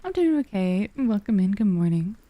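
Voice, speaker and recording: A woman livestreamer with a soft, cozy storybook voice, chatting casually and affectionately with her viewers, using pet names. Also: medium pitch, big pitch swings, normal speed, no room sound. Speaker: livestreamer, VTuber.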